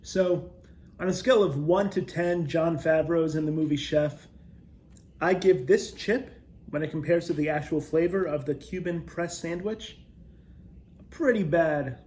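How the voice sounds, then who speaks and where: A man reviewing snacks as a video host, talking casually and chattily with pauses to taste and thoughtful hums. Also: on the high side, a little mellow.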